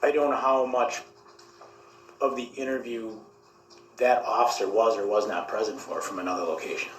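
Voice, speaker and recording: A man's voice: lowish voice, steady tone, moderate pace. Matter-of-fact male witness, echoey room. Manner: guarded, matter-of-fact answers. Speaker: police detective testifying as witness. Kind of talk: courtroom testimony under cross examination. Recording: echoey courtroom with faint noise.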